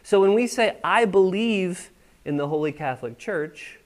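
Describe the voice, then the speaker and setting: Here an American pastor preaches in a church sanctuary in a high voice with lively intonation, at normal speed. His style is conversational, and he keeps checking that the congregation is following.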